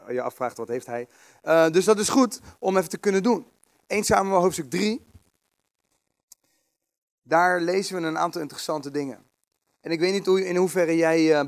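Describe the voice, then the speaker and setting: A man giving a relaxed, conversational sermon with many fillers and restarts, reading scripture aloud. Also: a little high, no echo. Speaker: preacher. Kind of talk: informal sermon.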